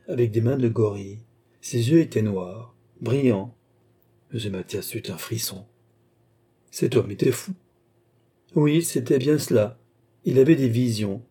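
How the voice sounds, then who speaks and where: A male reader narrates a dark tale in a measured, even delivery. His voice is very dark and husky. It is a scripted audiobook reading. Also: medium pitch.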